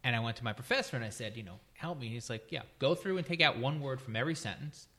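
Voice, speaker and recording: A man hosting a podcast, talking in a quick, animated way in casual chat. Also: mid-range voice.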